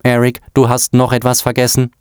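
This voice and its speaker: A man's voice: medium pitch, monotone, a little fast, darkish tone, clean tone, no echo, clean studio sound, voice pushed up, lightly acted. A man voicing a touchy, vain male talking computer in a storybook reading, with a sulky, self-important way of speaking. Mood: prim.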